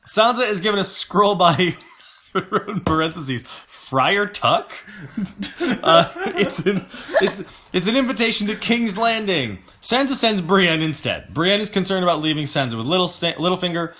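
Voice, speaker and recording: A man's voice: high voice, animated, measured pace, sharp tone. A young man casually recapping a TV episode, joking and laughing often between points. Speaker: podcast host recapping episodes.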